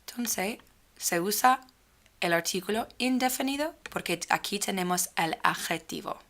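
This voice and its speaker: A woman teaching a grammar lesson, speaking slowly and clearly and drawing out the example sentences. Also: medium pitch, animated, a bit bright. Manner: slow, clearly spaced speech with stretched example phrases. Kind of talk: slow, careful grammar lesson.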